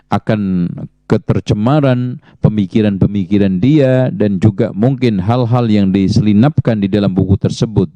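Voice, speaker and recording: A man answering religious questions as a teacher, in a measured, explanatory way that cites Arabic sayings. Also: lowish voice, warm tone, no echo. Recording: muffled lo-fi audio.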